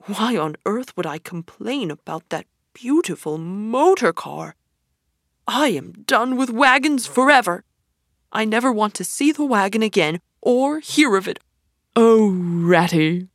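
A woman voicing a boastful male toad, dreamy and car-struck, with slow breathy whispers that swell into excited exclaims. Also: on the high side, dry recording, studio quality.

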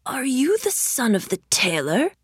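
A woman voicing a scheming, greedy male magician in a storybook reading, drawing out her words in a hushed, breathy, coaxing tone. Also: very high voice, wildly swooping pitch, dry recording, clean studio sound, voice pushed up, exaggerated voice. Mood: false warmth. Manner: slow, drawn-out, honeyed coaxing. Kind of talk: storybook read-aloud.

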